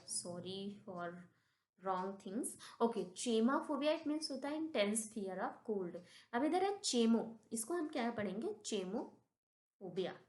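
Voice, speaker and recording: A woman's voice: on the high side, a little mellow, echoey room. A woman teacher with an Indian accent explains English word pronunciations, thinking aloud, correcting herself and asking rhetorical questions. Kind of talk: slow classroom-style explanation mixing Hindi and English.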